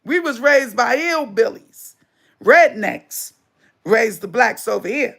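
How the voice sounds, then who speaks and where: A woman's voice: on the high side, expressive, slow, gravelly, fairly bright tone. A woman, hosting a spiritual livestream monologue in an emphatic, preachy way and repeating lines for stress. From United States. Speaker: livestream host.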